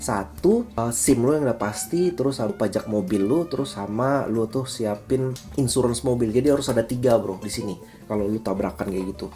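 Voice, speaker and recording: A man in his thirties from Indonesia, telling a personal story in a casual, slangy, animated vlog style. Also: medium pitch, a little fast. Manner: chatty, slangy, animated retelling with acted quotes. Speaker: vlogger. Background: faint guitar music.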